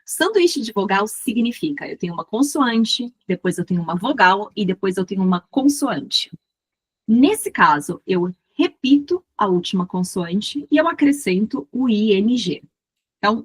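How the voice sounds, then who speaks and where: A woman's voice: medium pitch, slightly rough. Patient Brazilian woman teaching grammar. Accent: Brazilian Portuguese. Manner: patient, repeats examples slowly. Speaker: English teacher. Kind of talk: explaining grammar rules.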